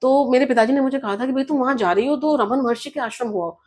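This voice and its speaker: A woman's voice: sits high, quick pace, a little mellow. A woman guest telling a personal story in an interview, earnest, often mixing English words into her speech. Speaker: guest author.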